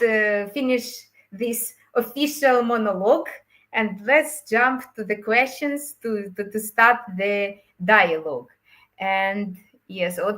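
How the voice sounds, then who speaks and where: This course creator presents a webinar in a mid-range, somewhat bright female voice. She grew up speaking Ukrainian and Russian, and her delivery is halting, full of fillers and fresh starts.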